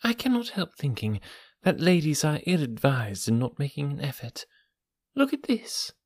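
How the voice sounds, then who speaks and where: A man voicing a smug, oily gentleman blackmailer in a soft, breathy, half-whispered purr, silky and mocking. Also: a little high, very animated, normal speed, dry recording, studio quality, voice pushed up. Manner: silky and mocking, lingering on words. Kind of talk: audiobook character reading.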